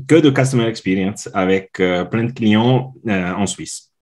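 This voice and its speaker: An Italian man in his forties talks in a lowish voice with an Italian accent. He is a guest in a casual interview, searching for words, with frequent filler sounds and restarts. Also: measured pace, a little mellow. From Italy. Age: 40s. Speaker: guest, customer experience consultant.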